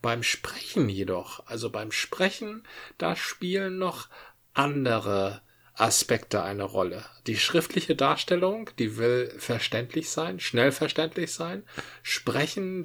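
A man on a podcast, explaining his views in a measured, emphatic way with pauses. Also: medium pitch. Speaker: podcast co-host. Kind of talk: casual podcast chat.

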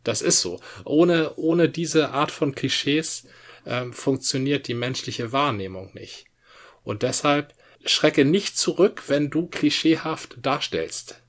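A man on a podcast, explaining his views in a measured, emphatic way with pauses. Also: mid-range voice. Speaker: podcast co-host. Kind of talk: casual podcast chat.

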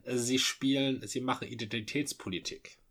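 A man in a casual political discussion, talking conversationally and often ending points with a quick tag question. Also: mid-range voice, steady tone, a bit bright.

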